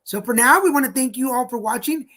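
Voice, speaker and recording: A man's voice: very high-pitched, fast, bright, forceful tone. A man co-hosting a live online show, chatting casually and rambling with fillers while wrapping up announcements. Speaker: co-host. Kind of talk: casual live-stream chat.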